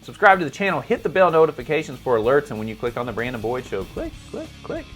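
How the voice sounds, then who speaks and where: A man's voice: medium pitch, rapid-fire, fairly bright tone, soft background music. A middle-aged man hosting a vlog in a chatty, self-deprecating way, often asking viewers for their opinions. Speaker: host. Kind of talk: casual vlog commentary.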